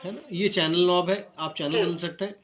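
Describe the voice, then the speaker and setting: Crowd noise and muffled audio surround this fairly quick, high-voiced Indian video presenter. Doing a casual unboxing review, he addresses viewers in a friendly style, explaining features with English terms blended in, as the echoey room adds steady noise and clicks.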